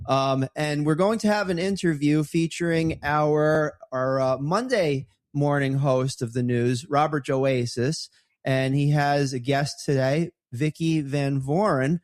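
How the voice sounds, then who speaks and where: A man hosting a local news episode, reading weather and sponsors in a cheerful, casual way. His voice sits a little high, and the sound is dry and close. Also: measured pace, no room sound. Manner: upbeat, with fillers. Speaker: news presenter.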